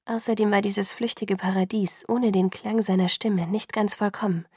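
A woman narrating a novel in a calm, even storytelling voice. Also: medium pitch, normal speed, slightly rough, no echo, clean studio sound. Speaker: audiobook narrator. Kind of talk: scripted narration.

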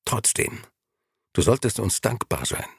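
A man reading an audiobook, voicing a menacing unseen male voice that speaks as "we", slow, taunting and condescending. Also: lowish voice, very animated, creaky, breathy edge, no echo, studio quality, heavily acted. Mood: mocking.

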